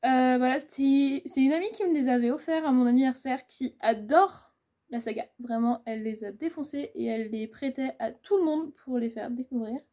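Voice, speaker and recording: A woman's voice: sits high, moderate pace, mellow. A woman in her twenties chatting casually about her reading pile, rambling with lots of fillers. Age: 20s. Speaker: booktuber. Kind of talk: casual book haul chat.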